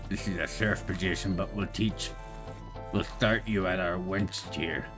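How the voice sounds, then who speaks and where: A man's voice: sits low, steady tone, unhurried, over music. A man voicing a callous, businesslike game supervisor who gives matter-of-fact instructions about grisly work. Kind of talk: reading game dialogue aloud.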